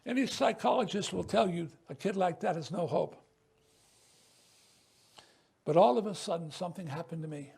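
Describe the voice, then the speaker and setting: A man with a high-pitched voice gives impassioned testimony at a news conference. He is emphatic, sinks to a near-hush on painful memories and surges on defiant points, with the odd stumble and restart. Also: moderate pace, creaky, long pauses, husky. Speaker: ministry leader speaking at a news conference.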